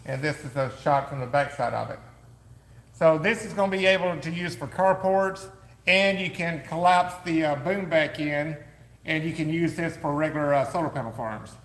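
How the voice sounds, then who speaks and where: A man co-hosting a live podcast from a warehouse, pitching his gear with eager, salesman-like energy, his voice going hoarse. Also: moderate pace, roomy sound, long reverb tail, low-quality recording. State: losing his voice. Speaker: podcast co-host, business owner. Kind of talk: casual live podcast chat.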